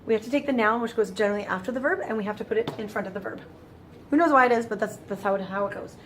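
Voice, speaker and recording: A woman's voice: a little high, very fast, a little hiss or hum. A woman explaining grammar in a casual, chatty lesson, often restarting phrases and walking through it step by step. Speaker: French teacher.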